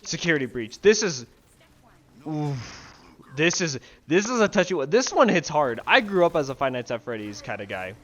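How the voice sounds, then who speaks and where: Young male gaming ranter, slightly high voice, crude and sarcastic, rambling delivery, headset mic at home. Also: very animated, normal speed, a bit bright. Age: young adult. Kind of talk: casual rant to camera. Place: bedroom.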